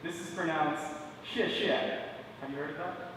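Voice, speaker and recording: A man's voice: on the high side, fairly even intonation, fast, fairly bright tone, slight background noise. Young male magician, playful stage patter, echoey theater recording. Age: 20s. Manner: playful, joking with an audience volunteer. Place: large indoor theater stage. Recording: echoey theater hall, distant mic.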